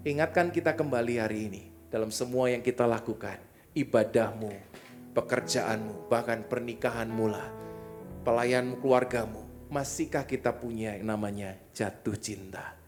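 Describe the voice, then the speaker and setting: A man preaching a sermon, telling a story with lively acted-out sounds and speaking straight to his congregation. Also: mid-range voice, moderate pace. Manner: warm direct appeals to the congregation. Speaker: pastor. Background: soft guitar playing.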